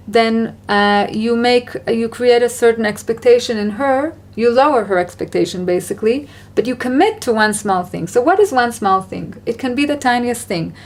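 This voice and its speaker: Earnest woman giving gentle parenting advice. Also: on the high side. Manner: earnest, reflective, gently encouraging. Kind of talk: casual Q&A conversation.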